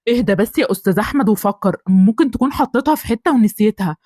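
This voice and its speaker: A woman with an Egyptian accent voicing a calm, fair-minded man who soothes and reasons with others. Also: on the high side, very fast, dry recording, clean studio sound.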